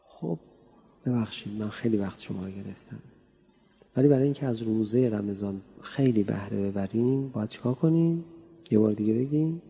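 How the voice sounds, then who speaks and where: A man's voice: on the low side, vocal fry, dark tone, slightly rough, dull audio. A man giving a sermon in a hall, talking to the crowd in a chatty, playful way and often asking them questions. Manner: conversational, playful, asks the audience questions. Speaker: cleric giving a religious talk. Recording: hall reverb.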